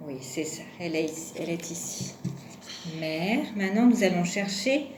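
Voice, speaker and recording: A woman's voice: lowish voice, animated, moderate pace, a little mellow. A woman teaching a home lesson to young children, patient and sounding out each syllable and number aloud. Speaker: kindergarten teacher. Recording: echoey room with faint background noise.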